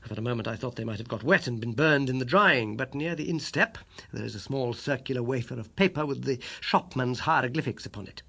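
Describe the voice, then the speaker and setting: Performing a full character voice for an audiobook, a man plays a confident British gentleman detective who explains things briskly and incisively. The voice is high, a bit strident, and edged with creak and breath, carrying a self-assured tone.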